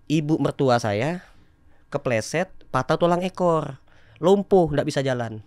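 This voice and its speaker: Animated man telling his life story. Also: on the high side, a little slow, no echo. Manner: animated, rising to loud emphatic bursts. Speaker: guest. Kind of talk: candid storytelling interview.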